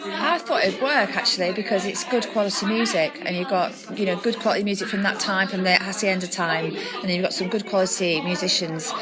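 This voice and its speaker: A woman oboist answering interview questions in a relaxed, thoughtful way. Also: medium pitch, brisk. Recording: crowd chatter in the background. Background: crowd.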